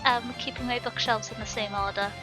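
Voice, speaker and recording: A woman's voice: on the high side, fairly even intonation, fairly quick, music in the background, poor audio. A woman chatting casually to viewers on a game livestream in a cute, bubbly, giggly anime-streamer manner.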